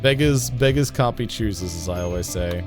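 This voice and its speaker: A man's voice: on the low side, animated, normal speed, over music. A chatty man streaming a game live, talking to chat with a self-deprecating manner.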